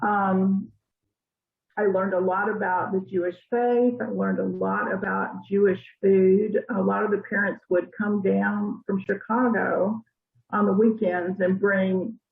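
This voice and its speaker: A woman from Arkansas telling stories from her life in an interview, in a thoughtful, unhurried way. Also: mid-range voice, level tone, vocal fry. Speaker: interviewee, church member. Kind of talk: casual storytelling interview. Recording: tinny phone-like line.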